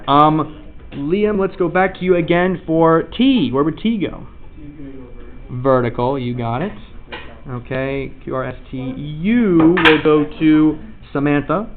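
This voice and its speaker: A man's voice: a little high, takes it slowly, background noise. A man teaching a class, casually calling on students one by one and encouraging their answers. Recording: tinny lo-fi recording with class chatter. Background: students chattering.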